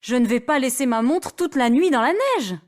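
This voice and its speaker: A woman voicing a spirited, sharp-tongued teenage girl who speaks in a firm manner. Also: high-pitched, lively intonation, moderate pace, voice pushed up. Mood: worried. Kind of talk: audiobook character voice.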